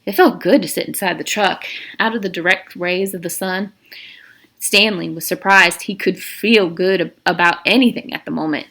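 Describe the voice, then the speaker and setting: Narrating a novel as a read-aloud, a woman with a medium-pitched, fairly bright voice reads expressively, stumbling now and then and adding brief asides.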